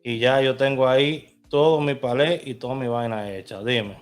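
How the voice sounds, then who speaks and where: A man's voice: medium pitch, normal speed, faint music behind. Chatty man walking through his bets. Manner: chatty, talks to viewers while placing lottery bets. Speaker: vlogger. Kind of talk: casual screen walkthrough.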